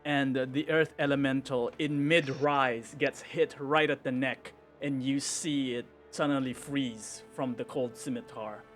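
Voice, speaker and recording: A man's voice: mid-range voice, steady tone, measured pace, few pauses, faint music behind. A man narrating a tabletop game as game master, describing the action and laughing along with his players.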